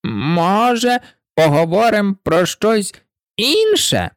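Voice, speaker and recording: A bored, yawning march hare from a storybook, as a reader puts him on. The voice sits slightly higher and stretches each word lazily, as though the whole conversation has become tiresome. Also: sing-song, slow, clear, resonant tone, no room sound, clean studio sound. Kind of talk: storybook reading.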